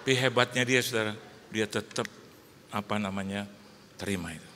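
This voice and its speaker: A male pastor preaching, telling a comic story and acting out the dialogue in lively bursts. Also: fairly low pitch, brisk, slight background noise. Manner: animated, jokey storytelling with acted-out dialogue. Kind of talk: sermon with storytelling. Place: large church hall. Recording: live hall reverb, faint ambience.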